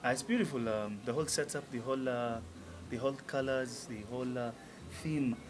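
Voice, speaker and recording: A man's voice: medium pitch, brisk, background noise. A man in his thirties from Tanzania, a musician being interviewed, talking casually and enthusiastically with many fillers in a restaurant lounge. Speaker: musician guest. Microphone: table mic on stand.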